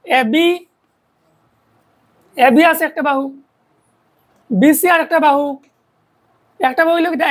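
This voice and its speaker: A woman's voice: high-pitched, rough recording. A woman with a Sylheti accent teaching a math lesson for an online video, explaining step by step and often checking in with rhetorical questions.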